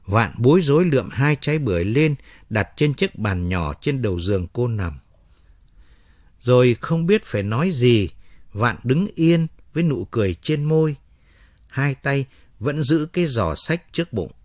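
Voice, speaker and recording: Expressive male storyteller, dry close mic. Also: mid-range voice, normal speed, dry recording. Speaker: narrator. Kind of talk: audiobook story narration.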